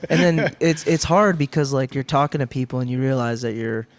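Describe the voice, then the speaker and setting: A man's voice: medium pitch, a little fast, no echo. A man in his thirties from Ohio, a guest telling stories in a casual chat, easygoing with lots of restarts. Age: 30s. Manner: easygoing storytelling with frequent restarts. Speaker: guest, brewery owner.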